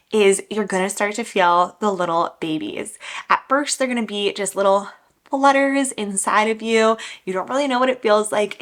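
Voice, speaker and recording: A woman's voice: medium pitch, a bit bright. A young woman chatting casually to her viewers in a vlog, a little out of breath, upbeat and sharing her own experience. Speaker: homesteading vlogger. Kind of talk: casual vlog talk to camera.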